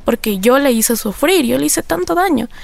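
A woman telling her personal story to an interviewer in an earnest, reflective way, often pausing on filler phrases. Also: high-pitched, expressive, gravelly. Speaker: interview guest. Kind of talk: personal testimony in conversation.

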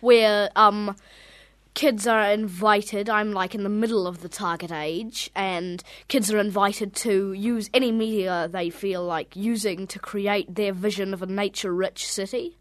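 A woman's voice: mid-range voice, fairly even intonation, measured pace, no echo. A young woman speaking thoughtfully and hesitantly as a guest in a casual interview.

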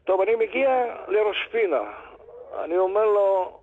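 An older man and grandfather calling in to a radio show, telling a story in an animated way and acting out the dialogue. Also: sits high. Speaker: caller. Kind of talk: phone-in storytelling. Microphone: telephone. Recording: tinny phone line.

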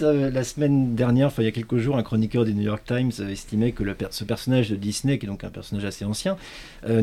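Gravelly-voiced man hosting a podcast. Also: mid-range voice, mellow. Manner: moderating, introducing topics and asking questions. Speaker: podcast host. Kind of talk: casual podcast discussion.

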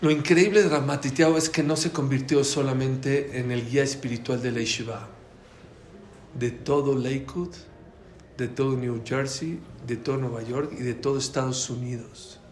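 Animated Mexican man telling a story. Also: medium pitch, normal speed, a little hiss or hum. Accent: Mexican Spanish. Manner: animated, acts out quoted dialogue. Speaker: speaker giving a talk. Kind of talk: storytelling talk. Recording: echoey room.

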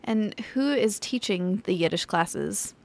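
A woman with an average-pitched voice hosts an interview programme. She speaks as a radio-style interviewer, addressing her guest and her listeners. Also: animated, slow, gravelly, a little mellow. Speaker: interviewer and podcast host.

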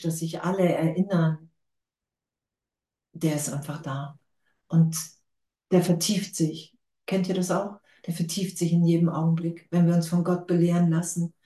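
A woman's voice: on the low side, dark tone, roomy sound. A woman giving a spiritual talk to a group, casual and enthusiastic, laughing often. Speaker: spiritual teacher.

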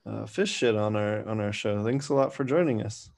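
A male podcast host talking casually with a heavy echo effect on his voice, halting with many fillers. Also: lowish voice, gravelly, a little mellow.

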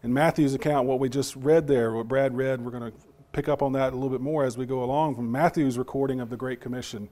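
This preacher addresses his congregation with a mellow, steady, medium-pitched voice that is partly lost and still healing. He talks haltingly, with repeated words and questions aimed at the listeners.

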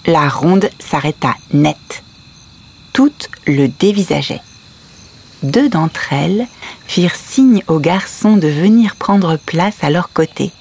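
A woman's voice: deep voice, lively intonation, takes it slowly, darkish tone, breathy edge, heavily acted. A woman playing a patient, tender mother who tells her children a fairy tale at bedtime. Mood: hushed wonder. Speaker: storyteller. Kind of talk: audio story, bedtime storytelling.

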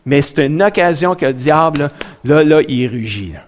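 A middle-aged pastor with a Québécois French accent giving a sermon, swinging between high, excited stretches and low, quiet ones, with many "là" fillers. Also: male voice, normal speed. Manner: fills with "là", talks directly to the congregation.

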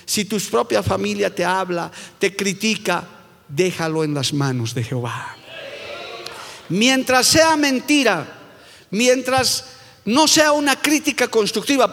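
A man's voice: high voice, creaky, fairly bright tone, big-room sound. A Bolivian man with a Bolivian accent, preaching a sermon as pastor, emphatic and constantly calling listeners brother.

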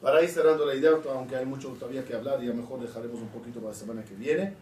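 A man's voice: medium pitch, rapid-fire, darkish tone. A middle-aged man, a rabbi, teaching a Torah class and quizzing his students with questions as he goes. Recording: echoey room, mic at a distance, faint hiss.

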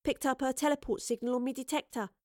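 Brief: woman performs perky Cockney lass, high and chirpy, cheeky and slangy. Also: fairly even intonation, quick pace, mellow, dry recording, clean studio sound, close to an everyday voice. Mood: smug. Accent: London Cockney. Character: cheerful cockney young woman with a blaster.

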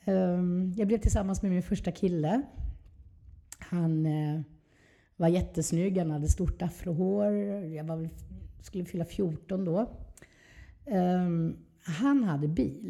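Very dark, creaky-voiced woman. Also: lowish voice. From southern Sweden. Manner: candid, reflective. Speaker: interview guest. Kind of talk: personal storytelling in conversation.

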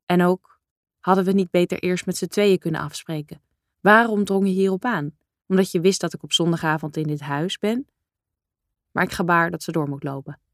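Calm low-voiced woman narrating a novel. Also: no echo, clean studio sound. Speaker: audiobook narrator. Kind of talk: first-person literary narration.

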